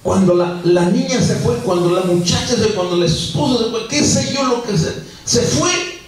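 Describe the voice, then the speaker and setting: A man's voice: sits high, normal speed, very echoey. A male pastor preaching a sermon, repeating phrases and speaking straight to the congregation. He is recorded from a distance in a church. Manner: preachy, repetitive, addresses the congregation directly. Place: church sanctuary.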